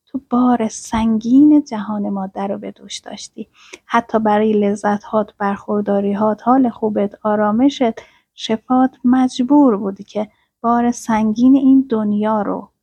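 A woman delivers a spiritual talk in a soft, measured voice with a breathy, husky edge. The recording is close and dry, with no room sound behind her. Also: a little high, dry recording. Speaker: spiritual teacher. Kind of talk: spiritual talk with verses and poetry.

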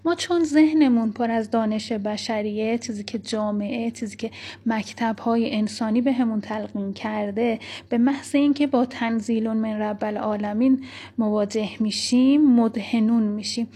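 A woman giving a reflective spiritual talk, speaking softly and slowly, sometimes dropping into a whisper and reciting scripture verses. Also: fairly high pitch, slightly rough. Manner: soft, slow, at times whispered delivery. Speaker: spiritual teacher.

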